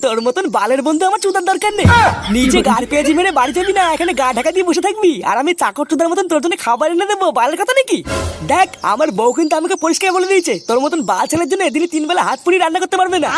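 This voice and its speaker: A woman's voice: very high voice, animated, rapid-fire, over music. A woman voicing a rude, swearing male school friend in a cartoon. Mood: scolding. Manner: crude, scolding, swearing. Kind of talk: Bengali cartoon dub.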